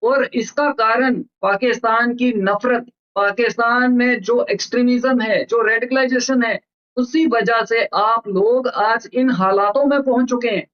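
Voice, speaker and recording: A man's voice: extremely high pitch, fairly even intonation, unhurried. Heated scornful man, dull lo-fi sound. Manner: heated, scornful, repeats phrases. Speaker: reaction video host. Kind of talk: reaction commentary.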